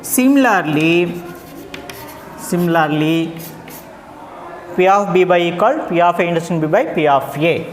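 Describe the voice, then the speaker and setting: A male maths teacher with an Indian accent, dictating a lesson slowly in short phrases that he repeats. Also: high-pitched, lively intonation. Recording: echoey hall, clear background noise.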